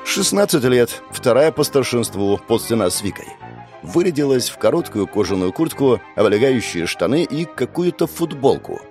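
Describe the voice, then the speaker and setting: Guy reading a first-person audiobook, wry and sarcastic, animated voice, soft music underneath. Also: mid-range voice, normal speed. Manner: sardonic, wry inner monologue. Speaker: audiobook narrator.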